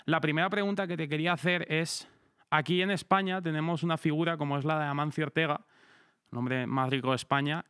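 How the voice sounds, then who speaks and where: A man's voice: fairly high pitch, fairly bright tone, clean tone, dry recording, studio quality. An upbeat young man hosting an interview, introducing his guest and asking questions with enthusiasm. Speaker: interview host. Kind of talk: podcast interview.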